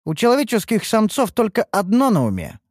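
A man's voice: high-pitched, huge pitch swings, fairly quick, no room sound, clean studio sound, voice pushed up, heavily acted. A man putting on a scornful young woman. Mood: mocking. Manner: snorting, dismissive. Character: scornful sharp-tongued young woman companion.

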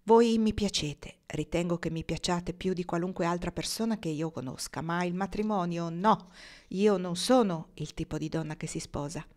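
A woman's voice: medium pitch, animated, normal speed, a little mellow, close to an everyday voice. A woman voicing a frank, spirited young woman in an audiobook, speaking earnestly and directly.

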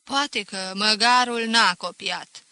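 A woman's voice: medium pitch, pushed and bright, no echo, lightly acted. A woman voicing a scornful, mocking older male schoolteacher who talks with sarcastic chuckles in an audiobook. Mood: sneering.

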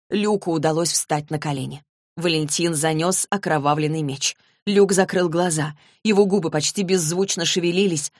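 A woman with a fairly low voice reads the narration of an audiobook in a steady, dramatic manner. The recording is dry and close, with no room sound. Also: dry recording. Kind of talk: scripted narration.

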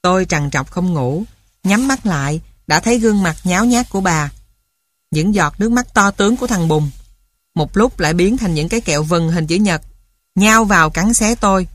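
Woman, audiobook narrator, calm even reading, low voice, dry close sound. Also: moderate pace, no echo. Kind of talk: scripted storybook narration.

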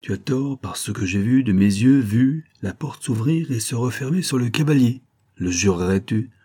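A man reading a novel aloud, voicing a sly, mocking nobleman who speaks calmly and sneers. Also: medium pitch, normal speed, slightly rough, voice pushed up. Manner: cool and sneering.

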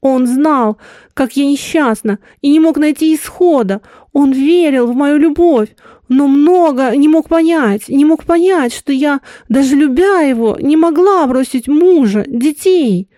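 A woman's voice: high-pitched, a little slow, mellow, no room sound, studio quality, voice pushed up. A woman voicing a grief-stricken, guilt-ridden married woman, delivered in an emotional, pleading way. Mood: anguished.

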